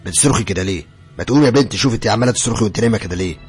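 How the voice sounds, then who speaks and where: An impatient husband barks at his wife in a husky, rasping voice, put on by a male storyteller. He rattles off his words at a breakneck clip, loud and hurried. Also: lowish voice, faint music behind. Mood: scolding.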